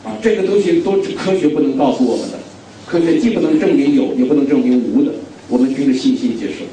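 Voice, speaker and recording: A man's voice: medium pitch, lively intonation, fast talker, warm tone, a little hiss or hum. A middle-aged man from China preaching a sermon to an audience, emphatic and repetitive, often putting questions to his listeners. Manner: emphatic, repeats key phrases, asks the audience questions. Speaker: guest preacher. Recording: very echoey hall, distant mic.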